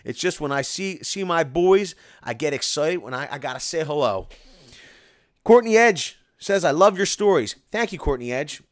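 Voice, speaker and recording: A man with a fairly high voice speaks at normal speed as he goes over live chat on his home stream, excitable and meandering, restarting often and peppering in "like." Close-miked, there's no room sound.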